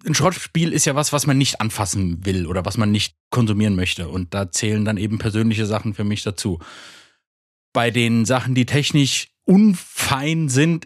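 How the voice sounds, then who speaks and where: A man, speaking at a mid pitch as a podcast guest. He rambles enthusiastically and keeps breaking off his own sentences. The sound is dry and close. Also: no room sound. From Frankfurt, Germany. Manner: rambling, enthusiastic, self-interrupting. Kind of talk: casual podcast chat.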